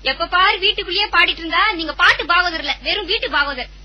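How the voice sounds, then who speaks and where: A woman playing a sharp-tongued, fed-up housewife who answers her broke husband with sarcastic retorts, in a comedy audio drama. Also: extremely high pitch, fast, muffled recording. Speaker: wife.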